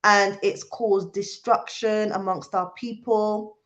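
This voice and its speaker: A British woman, born in Jamaica and raised in the UK, hosts a casual livestream, chatting with viewers and reading out their comments. Her medium-pitched voice is a bit bright, with fairly even intonation and a slow pace, and she speaks earnestly and emphatically.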